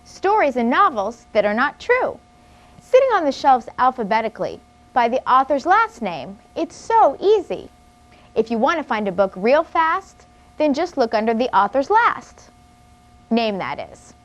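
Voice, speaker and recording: A woman's voice: high voice, sing-song, a little slow. A woman playing a perky performer who recites a rhyme about fiction books in a sing-song way.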